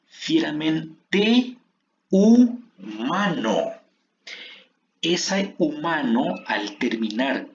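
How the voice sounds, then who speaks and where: Slow-speaking male teacher, lo-fi recording. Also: mid-range voice, creaky, fairly bright tone, slight background noise. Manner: slow, drawn-out syllable counting aloud. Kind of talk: classroom lesson on poetic meter.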